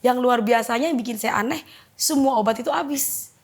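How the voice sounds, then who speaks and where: A young woman tells her story emotionally, slipping into the voices of the people in it. Her voice sits fairly high, with a gravelly fry and a husky edge. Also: brisk. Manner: emotional, vivid retelling that acts out quoted dialogue. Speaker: testimony guest. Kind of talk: personal testimony, storytelling.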